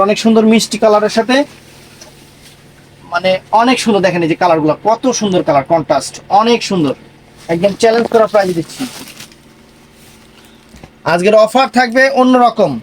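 A man giving a live online sales pitch in an emphatic, repetitive patter. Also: a little hiss or hum, low-quality recording. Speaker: online saree seller.

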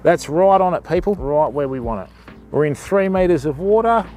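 A middle-aged Australian man's expressive, slightly mellow voice, on the high side and at a normal speed, carries his casual live-stream fishing commentary from a kayak on a river and its bank. Chatty and self-talking, he addresses viewers as people. An action camera on the kayak records him, with soft background music.

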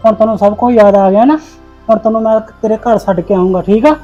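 A man playing a calm village man who shelters and reassures a young woman in a family drama. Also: high-pitched, fast talker, dull audio, faint music behind. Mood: reassuring.

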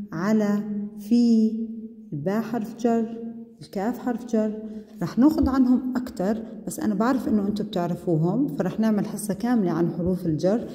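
A woman gives a patient grammar lesson to children, drawing out key words and praising often. Her voice is deeply mellow and dark in tone. The recording has a long, lingering reverb. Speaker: primary school Arabic teacher.

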